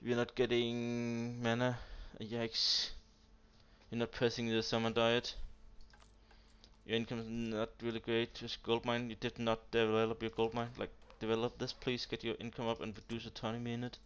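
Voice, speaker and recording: A man's voice: medium pitch, completely flat delivery, normal speed, a bit bright, smooth. A man giving casual, blunt commentary on a player's strategy game nation, exasperated and full of fillers. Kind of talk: casual commentary over gameplay. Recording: dull lo-fi mic with keyboard typing behind.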